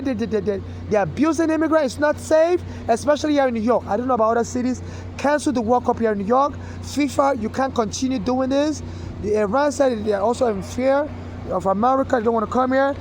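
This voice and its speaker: A man in a high, quick voice. He pleads in a rambling, repetitive way, stalling on words as he restarts. Loud street traffic runs behind him the whole time. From Nigeria. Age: 40s. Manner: urgent, repetitive, stammering restarts. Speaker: street vlogger appealing for donations. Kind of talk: rambling direct-to-camera appeal. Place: outdoors on a city street.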